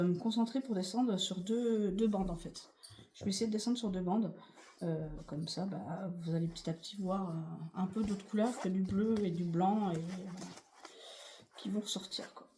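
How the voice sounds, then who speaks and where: A woman's voice: mid-range voice, dark tone, slight background noise. A woman vlogging casually about her cross-stitch projects, rambling and chatty with many fillers. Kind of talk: casual chatty craft vlog.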